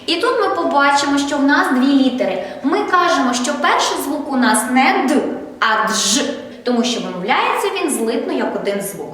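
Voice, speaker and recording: A woman primary school teacher giving a first-grade literacy lesson, speaking slowly and clearly, asking questions and praising answers. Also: high-pitched, big pitch swings, fairly bright tone, very echoey, long reverb tail, distant mic. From Ukraine.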